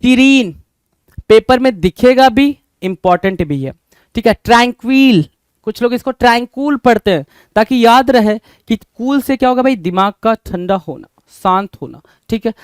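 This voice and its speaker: High-voiced teacher with an Indian accent. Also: male voice, lively intonation, moderate pace, clear, resonant tone, dry recording. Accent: Indian English. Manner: repeats questions to students, calls them brother. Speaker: English vocabulary teacher. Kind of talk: Hindi-English vocabulary lesson.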